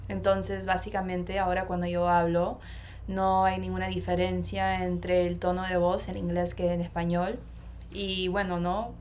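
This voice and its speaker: A woman's voice: fairly low pitch, a little hiss or hum. A woman personal transformation coach talking through a casual vlog monologue in an earnest, reflective way. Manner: earnest and reflective, level delivery.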